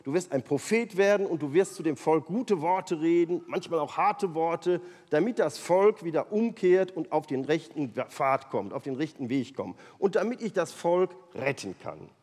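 A man's voice: fairly high pitch, expressive, moderate pace, hardly any pauses, a little mellow. A man voicing God, emphatic, in a hall. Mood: reassuring. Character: God, commanding and reassuring. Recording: long hall reverb.

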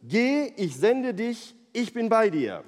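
A man gives voice to God, commanding and reassuring. The speech is solemn and emphatic and sits high. A long hall reverb trails every line. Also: very animated, slow, full character voice.

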